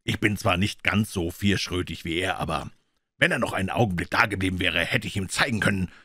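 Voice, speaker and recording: A cool-headed, sharp detective, read by a man who answers with polite calm. His voice is deep and even. It is recorded dry and close. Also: fairly quick, dry recording. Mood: wry.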